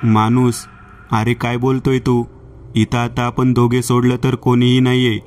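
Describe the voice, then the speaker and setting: A man voicing a calm male friend who soothes and explains things matter-of-factly, in a storybook reading. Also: mid-range voice, unhurried, lightly acted.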